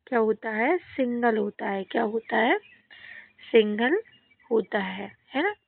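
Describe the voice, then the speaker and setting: A woman's voice: fairly high pitch, lively intonation, measured pace, gravelly, breathy edge, dry recording. A woman teaching a children's English grammar lesson, asking questions and answering them herself, repeating the key words. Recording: dry, phone-like audio.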